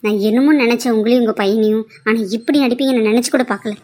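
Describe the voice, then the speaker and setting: A fiercely protective cartoon mother, voiced by a woman, high and sharp-tongued. She accuses and demands answers, her voice forceful and unrelenting. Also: fairly even intonation, very fast, slight background noise, close to an everyday voice. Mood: angry. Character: middle-aged mother, fiercely defending her daughter.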